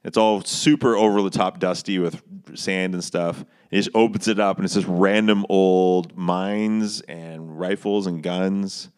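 A man's voice: low voice, steady tone, a little slow, few pauses, a little mellow, smooth. A man co-hosting a casual movie chat, enthusiastic and agreeable, retelling scenes. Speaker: podcast co-host.

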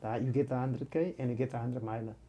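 A man's voice: mid-range voice, fairly even intonation, fast talker, mellow. A man with a South African accent chatting casually as an interview guest, often rounding off statements with a "yeah". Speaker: podcast guest, amateur runner.

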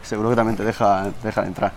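A young man in casual chat with a friend, animated and joking. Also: lowish voice, racing, slight background noise.

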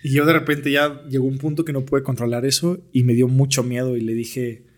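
A man's voice: mid-range voice, flat delivery, fairly quick. A young man with a Mexican accent, a podcast guest telling stories in slangy, laid-back talk. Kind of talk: casual storytelling interview.

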